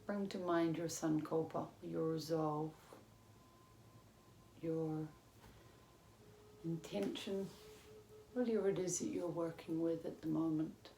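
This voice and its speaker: A female yoga teacher leads a guided yoga nidra meditation in a low register, calm and measured, leaving long pauses. The sound is roomy, with echo and faint background noise.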